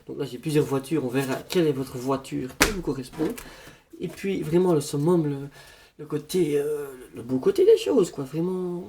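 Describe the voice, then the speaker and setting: A man's voice: fairly high pitch, lively intonation, normal speed, dark tone, slight background noise. A man doing a parody horoscope reading, rambling in a mock-solemn fortune-teller manner. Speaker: comedian.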